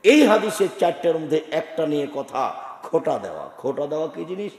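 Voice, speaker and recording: A middle-aged man from Bangladesh, preaching a sermon forcefully, swinging from loud shouted lists to low asides. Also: big pitch swings, a little fast. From Chapainawabganj, Bangladesh. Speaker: teacher and scholar. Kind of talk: Bengali sermon. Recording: echoey hall with long reverb.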